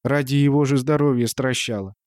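A man voicing a frail, bedridden old spinster woman who speaks in a creaky, sighing, folksy way. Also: mid-range voice, steady tone, a little fast, darkish tone, dry recording, studio quality, voice pushed up, lightly acted. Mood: grieving.

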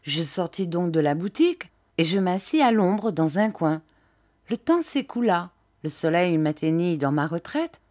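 A woman reading a classic novel aloud as an audiobook narrator, steady and measured. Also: lowish voice. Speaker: audiobook reader.

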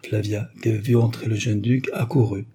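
A man giving scripted narration of a classic novel as an audiobook, in a measured, steady storytelling manner. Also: on the low side, vocal fry, a little hiss or hum.

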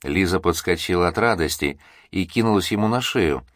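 A man narrating an audiobook in an expressive, measured storytelling manner. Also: deep voice, no echo, studio quality.

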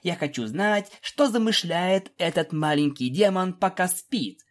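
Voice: medium pitch, expressive, a little slow, pitched above the performer's own voice, close to an everyday voice. A narrator voicing a fussy, anxious pony princess who is a young mother, in a pleading tone. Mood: pouty. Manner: pleading, fretful. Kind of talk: fan audiobook voicing.

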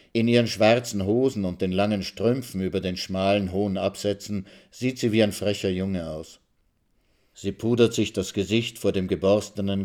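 A man reading a short story aloud for radio in a measured narration. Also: low-pitched, a little mellow. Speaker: radio reader.

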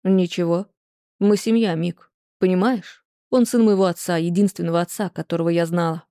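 An audiobook reader voicing a tired, guarded woman turning away her ex-husband, calm and restrained. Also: lowish voice, normal speed, dry recording, studio quality, lightly acted. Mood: cold.

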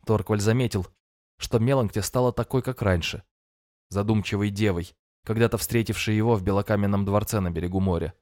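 A man reads a fantasy tale in a low, measured voice. The recording is close and dry, with no room sound around him. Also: a little mellow, no room sound. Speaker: audiobook narrator. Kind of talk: scripted fantasy narration.

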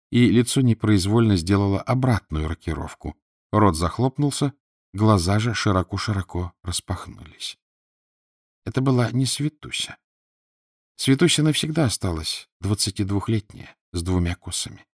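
A man narrating an audiobook in a measured, dryly ironic way. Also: on the low side, animated, darkish tone, dry recording, studio quality. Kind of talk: scripted narration.

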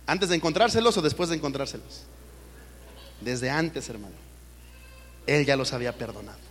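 A man's voice: medium pitch, expressive, normal speed, a bit bright. A man preaching a sermon in church. He asks the congregation rhetorical questions and keeps calling them brother. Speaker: pastor. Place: church sanctuary. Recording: long church hall reverb.

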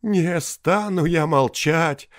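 A man reading an audiobook, voicing a poor peasant man who shouts and curses in despair. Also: takes it slowly, no room sound, studio quality. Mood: desperate. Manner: shrill, cursing, wailing. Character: desperate ragged peasant man, furious and reckless.

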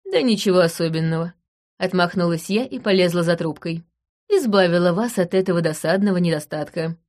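A woman reading an audiobook in the first person, in a brisk, dry and commanding manner. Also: fairly low pitch, a little mellow. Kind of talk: audiobook narration.

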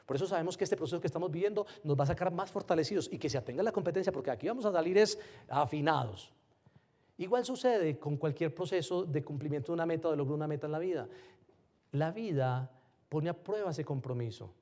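A man giving an animated motivational talk to a live audience, often firing rhetorical questions at them. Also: on the high side, fast. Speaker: motivational speaker.

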